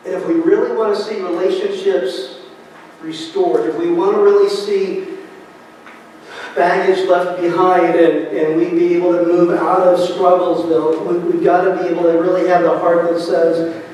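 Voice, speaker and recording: A man's voice: high-pitched, little pitch movement, moderate pace, darkish tone. A man preaching a sermon as pastor, speaking conversationally and often asking the congregation rhetorical questions. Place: church sanctuary. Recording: echoey hall, distant mic, faint noise.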